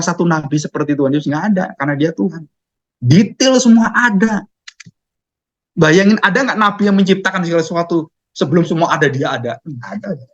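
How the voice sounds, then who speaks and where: A man's voice: sits high, lo-fi sound. A man preaching a sermon, firing off questions and answering them himself.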